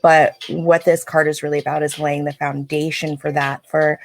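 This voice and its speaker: A livestream host reads oracle cards and talks with viewers in a casual, reflective style. Her deep voice is delivered flatly at a normal speed, and her throat is scratchy enough that she needs to clear it.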